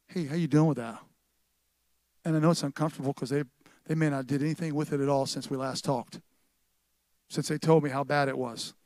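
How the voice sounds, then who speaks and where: A middle-aged man preaching a sermon to a live congregation in an animated, conversational way, often restarting his sentences and swinging between loud and soft. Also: fairly high pitch, no echo. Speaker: pastor. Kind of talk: sermon with church announcements. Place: church service with a live congregation.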